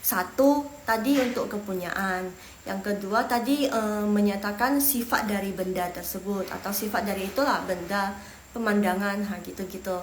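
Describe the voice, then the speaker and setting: Indonesian woman, casual online language teacher, chatty, drills pronunciation; roomy echo, faint noise. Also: medium pitch. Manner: chatty, repeats words slowly for pronunciation. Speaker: Mandarin teacher.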